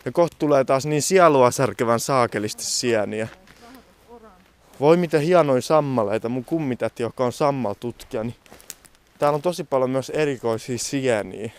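A young man talking casually outdoors in a forest, joking in a mock-dramatic nature-guide manner as he films his walk. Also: mid-range voice. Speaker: vlogger. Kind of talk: casual outdoor vlog commentary.

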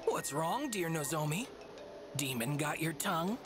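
A woman's voice: deep voice, expressive, unhurried, music in the background. A woman voicing a smug, mischievous stuffed rabbit creature in an anime video game, theatrical and teasing. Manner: theatrical, teasing, riddling rhymes.

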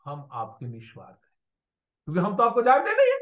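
A man teaching maths in an animated, storytelling way, at times raising his voice. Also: high-pitched, brisk, phone-quality sound. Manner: animated, storytelling, bursts of shouting. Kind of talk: animated classroom lesson with anecdotes.

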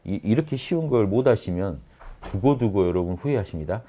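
A man teaching meditation in a lively spoken lecture, often acting out the inner voice in quoted asides. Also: on the low side, fairly quick. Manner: addresses listeners directly, animated.

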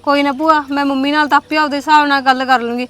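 A young woman with a Punjabi accent talks quickly in a high voice in a village family drama. She coaxes and cares for her aunt. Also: little pitch movement, a bit bright. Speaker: married niece.

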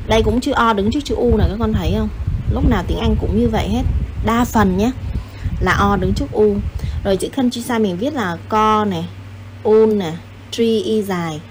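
A woman's voice: mid-range voice, slight background noise. Patient woman teaching children. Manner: patient, repetitive, coaxing, spells words out slowly. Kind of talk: explaining a lesson.

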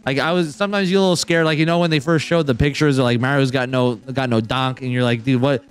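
A man hosting a casual roundtable chat, rambling and excitable, full of filler words. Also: mid-range voice, quick pace, clear, resonant tone, faint music behind. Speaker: podcast host.

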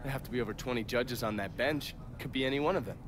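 An actor playing a calm male intelligence ally with dry wit, asking measured, probing questions. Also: mid-range voice, background noise, lightly acted. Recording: game audio with crowd-like background.

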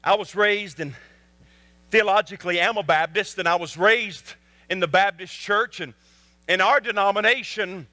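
A male pastor preaching a sermon with emphasis, repeating rhetorical questions and swinging from soft asides to loud peaks. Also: high voice, normal speed, no room sound.

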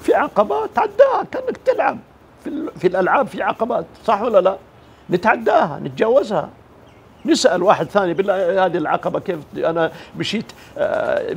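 A man's voice: high voice, vocal fry, slight background noise. A man giving a motivational religious talk, emphatic, asking rhetorical questions and mimicking the people he describes. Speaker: motivational speaker.

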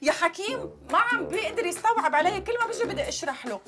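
A brash Lebanese wife glued to her phone, defiant and giggly. Her voice is very high, and she fires off her lines at top speed. Music runs under the scene. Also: expressive, racing. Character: brash young woman hooked on making short videos. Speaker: wife hooked on social media, patient at a clinic. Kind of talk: TV comedy sketch acting. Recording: music playing under the dialogue.

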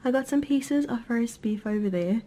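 A woman's voice: fairly high pitch, moderate pace, mellow. A middle-aged woman vlogger chatting enthusiastically as she shows off her food finds. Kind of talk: casual vlog narration. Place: hotel room.

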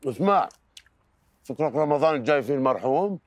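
A man's voice: mid-range voice, animated, fast, no room sound. A man with a Jordanian Arabic accent acting in a comedy sketch, agitated and complaining.

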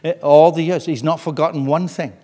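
Male preacher in his sixties, fairly high voice, church reverb; sermon with urgent swells and quiet asides. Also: steady tone, fairly quick. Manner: swings from loud urgent emphasis to hushed intimate tones. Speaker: guest preacher.

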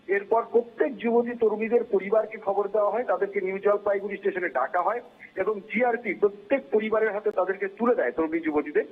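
A male field reporter giving a live report by phone, explaining in a measured way with hesitant fillers. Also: high voice, slightly rough. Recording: tinny phone line.

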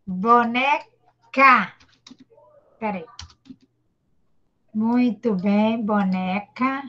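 Brazilian female teacher, high-pitched, patient and encouraging, syllable-by-syllable reading lesson, muffled video-call sound. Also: a bit bright. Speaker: primary school teacher. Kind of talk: online literacy lesson for a child. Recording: dull lo-fi video call audio.

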